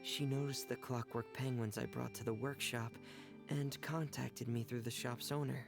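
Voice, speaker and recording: A man voicing a shy, reserved young male diver and toymaker in a game, speaking quietly and hesitantly. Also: mid-range voice, steady tone, normal speed, creaky, music in the background, natural voice. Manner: quiet, soft-spoken and hesitant. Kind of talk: game voice acting.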